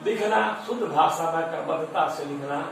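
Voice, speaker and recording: A man's voice: fairly high pitch, normal speed, creaky. A man giving a classroom lecture, listing points one by one and stressing syllables to show pronunciation. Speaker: teacher-training lecturer. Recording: echoey room from far off, faint noise.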